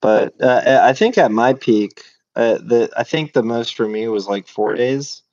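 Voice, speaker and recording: A young man co-hosting a podcast, telling stories hesitantly with many pauses and a deadpan delivery. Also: medium pitch, highs cut off. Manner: hesitant, full of uhs, deadpan. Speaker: podcast co-host. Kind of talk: casual chat.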